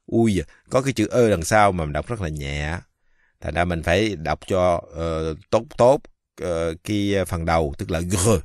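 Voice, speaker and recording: Deep-voiced man teaching French pronunciation. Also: no room sound, studio quality. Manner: slow, halting, many fillers, repeats French words drawn out. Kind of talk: casual pronunciation lesson.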